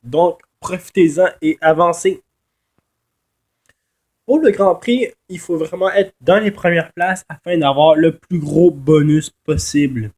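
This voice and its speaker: A high-pitched man with a Québécois accent talks through a casual game tutorial at a slow pace. His nose is stuffed with a cold, so he sounds nasal. He speaks haltingly, often doubling back to correct his words. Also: darkish tone. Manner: halting, repeats and corrects himself. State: congested with a head cold. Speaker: gaming video host.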